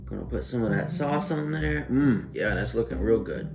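A man's voice: fairly low pitch, lively intonation, normal speed, vocal fry. Young guy coaxing his pet, mock serious, echoey kitchen, music behind him. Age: young adult. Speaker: pet owner making a dog video. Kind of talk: playful chat to a pet. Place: indoors, home kitchen. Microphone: camera across the counter.

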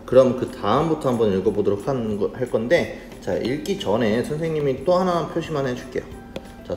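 A man teaching children English phonics in a slow, patient, friendly manner, spelling words out letter by letter. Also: mid-range voice, dark tone. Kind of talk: children's reading lesson. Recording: roomy sound with faint music.

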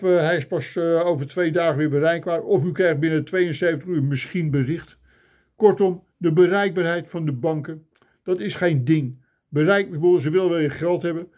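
A man's voice: fairly high pitch, moderate pace, a little mellow. Grumbling older man ranting. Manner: mock-indignant, grumbling complaints. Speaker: vlogger. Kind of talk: ranting comic monologue. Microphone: phone camera.

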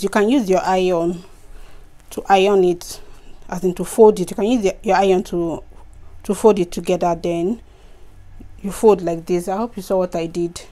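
Tired woman host, mellow voice. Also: medium pitch. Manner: chatty, repeats instructions, frequent "okay" and "so guys". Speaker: craft channel host. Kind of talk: casual DIY tutorial.

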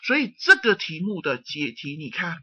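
A woman giving an exam-prep lecture, animated and answering her own rhetorical questions. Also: sits low, moderate pace, husky, dry recording. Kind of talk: recorded tutoring lecture. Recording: dull, muffled lecture audio.

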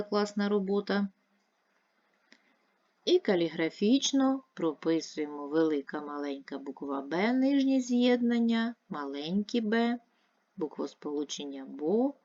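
A woman teaching a primary school language lesson, speaking in a clear, measured way and spelling out letters and sounds one by one. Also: fairly low pitch, darkish tone. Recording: dull lo-fi recording.

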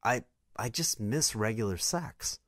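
A man's voice: mid-range voice, lively intonation, a little slow, fairly bright tone, no room sound, studio quality. A man voicing a hurt girlfriend who hesitantly confesses she feels neglected. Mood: hurt, candid. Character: woman, girlfriend, hurt and candid.

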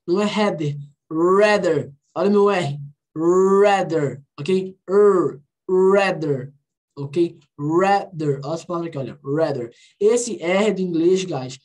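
A Brazilian woman teaching an online English class, patiently repeating words slowly to model their pronunciation. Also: lowish voice, darkish tone, breathy edge. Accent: Brazilian Portuguese. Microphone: computer mic on a video call.

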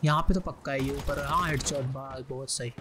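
A man giving live gameplay commentary, excitedly shouting quick callouts. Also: medium pitch, noisy background. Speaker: gaming YouTuber.

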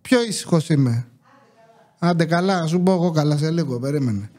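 A young man with a fairly high voice tells his story in a loose, chatty monologue. He talks a lot and mocks himself, slipping into his own past lines as quotes. It is casual storytelling, not a scripted read. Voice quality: talkative, animated storyteller. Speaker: YouTuber, channel host. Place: indoor room with his wife nearby.

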